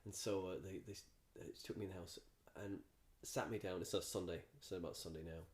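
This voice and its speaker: This is a countryside comedian from Ireland guesting on a casual podcast chat. He talks briskly in a low voice with fairly even intonation, and his rambling tales keep breaking off and starting again.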